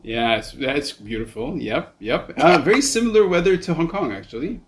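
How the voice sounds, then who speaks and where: A man hosting a podcast in casual chat, halting and repeating words as he thinks. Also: on the high side, expressive, slight background noise. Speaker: podcast host.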